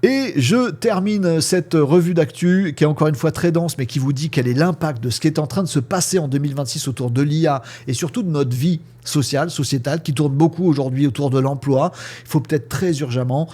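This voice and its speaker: Chatty French tech host with a mellow voice. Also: male voice, fairly high pitch, a little fast. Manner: chatty, hesitant with frequent fillers, addresses viewers as friends. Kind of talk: casual spoken news review.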